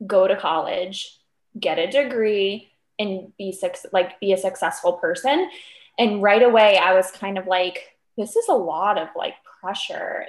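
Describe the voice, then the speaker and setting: Podcast guest: upbeat woman of 25 from Cape Cod, casual and filler-heavy, middle pitch, recorded in a reverberant room. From Cape Cod, Massachusetts. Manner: chatty, upbeat, with many fillers like "um" and "like". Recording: roomy echo.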